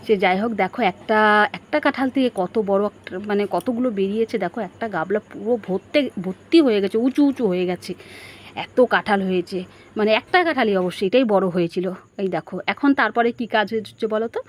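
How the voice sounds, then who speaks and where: A woman's voice: mid-range voice, fast talker. A woman narrating a casual family vlog, chatting straight to her viewers and asking them questions. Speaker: family vlogger.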